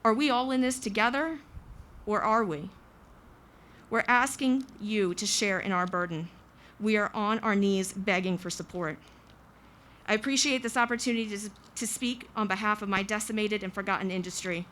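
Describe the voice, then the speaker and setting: A woman's voice: medium pitch, moderate pace, fairly bright tone. A woman delivering a prepared protest speech at a rally, earnest and emphatic. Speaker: small business owner speaking at a rally. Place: outdoors in front of a government building.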